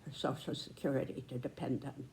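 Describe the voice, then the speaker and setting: An American woman in her nineties giving an earnest commentary like a storyteller, in a deliberate, measured way with pauses between short phrases. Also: a bass voice, steady tone, mellow, slight background noise. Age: 90s. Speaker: speaker giving a personal commentary.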